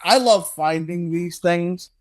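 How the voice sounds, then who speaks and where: A man's voice: sits high, slow. Rambling, stammering middle-aged man. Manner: rambling, repeats words, laughs often. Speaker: co-host. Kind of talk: casual chat.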